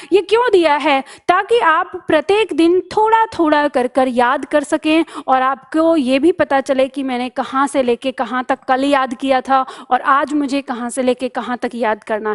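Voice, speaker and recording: A woman teaching an online vocabulary lesson, repeating each word and answering her own questions, dropping low and soft on the answer word. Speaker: Hindi teacher.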